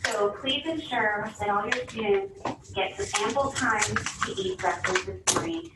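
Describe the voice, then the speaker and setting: A woman on the school staff making a polite, businesslike announcement, heard through a school intercom loudspeaker in a classroom. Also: fairly high pitch, animated, unhurried. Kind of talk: formal public announcement. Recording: echoey, distant, noisy intercom speaker.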